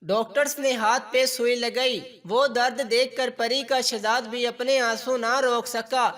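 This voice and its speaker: Very high-voiced male story narrator. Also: steady tone, unhurried, a bit bright.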